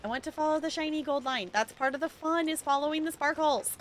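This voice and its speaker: A woman's voice: high voice, a little fast, slight background noise. A woman streaming a game with casual, chatty commentary, giggly and thinking aloud.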